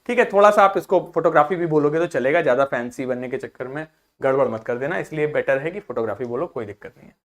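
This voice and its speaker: A man's voice: on the high side, fast. Role: teacher. Sex: man. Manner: drills pronunciation. Style: vocabulary lesson. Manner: drills pronunciation, breaks words into parts, asks class to repeat; explains in Hindi mixed with English terms. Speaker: school teacher.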